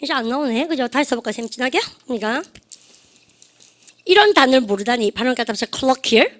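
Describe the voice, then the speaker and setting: A middle-aged woman with a high voice gives an English lesson in a classroom. She teases her students and keeps tossing them quick questions. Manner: lively, teasing, asks the class many quick questions. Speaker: English teacher. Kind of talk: classroom lecture.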